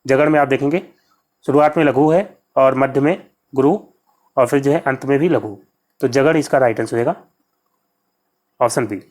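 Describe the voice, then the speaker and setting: A man's voice: mid-range voice, normal speed, pauses often, a little mellow. A man teaching an exam-prep lesson, patiently explaining answers and repeating key terms as he addresses viewers as friends. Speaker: Hindi exam tutor.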